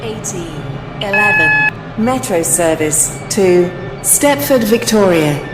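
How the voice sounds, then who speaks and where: Woman, station platform announcement, slow measured delivery, lively pitch, chime music behind. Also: long reverb tail, rough recording. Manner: slow, measured, formal phrasing. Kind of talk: automated public address announcement.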